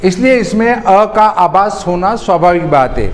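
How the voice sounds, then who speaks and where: A man teaching a spelling lesson, slowly and deliberately spelling out words one by one. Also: high voice, animated. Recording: long reverb, faint noise.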